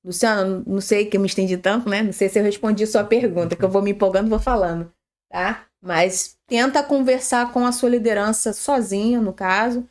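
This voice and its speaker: A woman's voice: mid-range voice, fairly even intonation, fairly quick, a little mellow. A woman answering a question on a live stream with earnest, practical advice, dotting her sentences with "tá?" and "né?" and correcting herself as she goes. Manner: earnest and advisory, with frequent "tá?" and "né?" tags and self-corrections. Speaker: panelist on a live workplace-safety broadcast.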